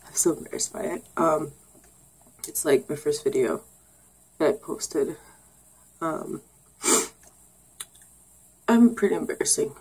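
Young woman vlogger, low mellow husky voice, giggly and rambling, sarcastic. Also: animated, slow pace, long pauses, low-quality recording. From Canada. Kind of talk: casual get-to-know-me vlog.

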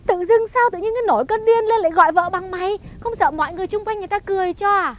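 An actress playing a sharp-tongued wife in a stage comedy sketch, with a Northern Vietnamese accent and a scolding manner. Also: female voice, racing, lo-fi sound. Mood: defiant. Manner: scolding, shrill tirades.

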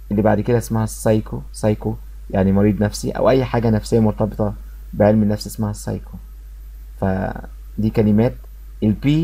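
A man's voice: fairly low pitch, gravelly, warm tone, slightly rough. A man with an Egyptian Arabic accent teaching an English lesson, drilling each word by repeating it and talking straight to his students. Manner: repeats words slowly to drill pronunciation; addresses students directly. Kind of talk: classroom lesson explanation.

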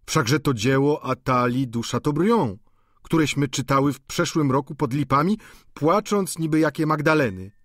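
Audiobook figure: shrill, gossipy older landlady, voiced by a man, high and exclaiming. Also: normal speed, no echo, studio quality, lightly acted. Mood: coaxing.

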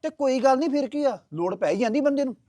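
A man plays a sheepish grown son dodging his mother's questions. He talks fast and keeps trying to placate her. The sound is dry and close. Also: fairly high pitch, expressive, a bit bright, dry recording. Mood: evasive. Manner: evasive, placating. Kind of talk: comedy skit acting.

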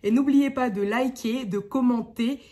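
A woman's voice: on the high side, measured pace. A young woman from French Guiana, an actress, chatting enthusiastically to camera in a casual vlog from an indoor apartment room. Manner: bubbly, enthusiastic, warm fillers. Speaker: actress vlogger.

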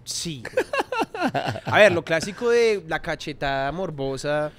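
A man in his thirties with a Bogotá Colombian accent trades blunt, slangy banter as a podcast guest. He talks in a fairly high register for a man, often breaking off and restarting his sentences. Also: animated, takes it slowly, a bit bright. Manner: crude slang-heavy banter, trailing restarts. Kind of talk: casual chat.

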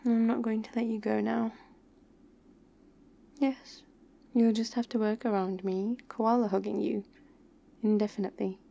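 A woman playing an affectionate, pouty young girlfriend in an intimate, soft ASMR role-play for ASMR. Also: a little high, flat delivery, gravelly. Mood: playfully pouty. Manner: intimate soft voice dropping into speaks softly, slow and tender.

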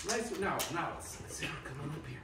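A woman with a fairly low voice does playful kids' party magician patter, coaxing and instructing children. Her pitch moves around in an animated way. The recording is noisy and very echoey, picked up at a distance from the microphone. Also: moderate pace. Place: indoor children's birthday party.

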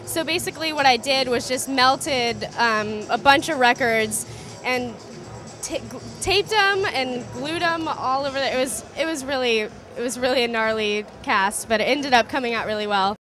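Talking into a handheld interview mic at a busy indoor trade show booth, this young woman designer from Southern California has a high-pitched voice and normal pace. She sounds relaxed, uses lots of fillers and tends to trail off slightly, while loud music plays behind.

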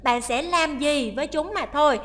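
A woman's voice: high-pitched, normal speed, in a large hall. A woman teacher working through a listening test, reading each English line and then explaining it. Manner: explains each option, translating English lines aloud.

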